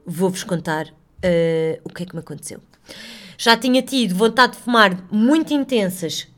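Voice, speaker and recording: A woman's voice: mid-range voice, expressive, normal speed, fairly bright tone, soft background music. A woman with a European Portuguese accent hosting a casual solo podcast, rambling and chatty, swearing freely and poking fun at herself. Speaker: podcast host.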